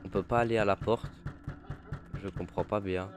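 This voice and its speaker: A man's voice: on the low side, fairly even intonation, moderate pace, soft background music. A young man giving casual, chatty commentary while playing a horror game, jumpy and swearing when startled. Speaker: gaming youtuber.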